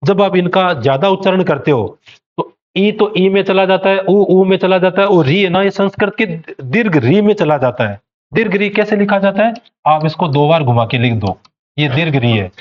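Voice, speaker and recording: A man's voice: high-pitched, lively intonation, moderate pace, dull audio. Man teaching with rhetorical questions. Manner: explains step by step with rhetorical questions. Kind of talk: exam coaching lecture.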